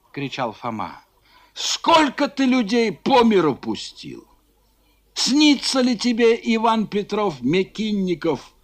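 A man voicing a drunken young merchant who jeers at the other merchants and shouts his accusations. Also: mid-range voice, pitched below the performer's own voice. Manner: shouting, jeering with laughter.

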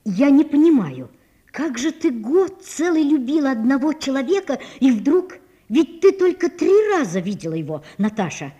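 A woman's voice: sits high, big pitch swings, normal speed, dark tone, voice pushed up. A woman voicing an earnest young woman who reasons with her friend in an audiobook. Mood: disbelieving. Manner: reasoning, firm, reproachful. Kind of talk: audiobook character reading.

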